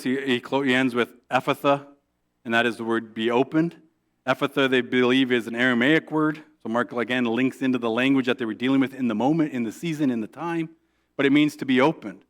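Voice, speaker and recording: A male pastor preaching a sermon in a conversational way, often asking "right?" and restarting his sentences. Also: medium pitch. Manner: acts out quoted prayers in a soft, hushed voice; halting restarts and repeated words.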